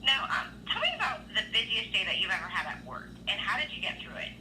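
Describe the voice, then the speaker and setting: A woman's voice: mid-range voice, very animated, fast talker. A woman interviewing a job candidate over the phone, reading out structured questions, heard through a speakerphone. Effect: phone call on speakerphone. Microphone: phone line played through a speakerphone. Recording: noisy phone call on speaker.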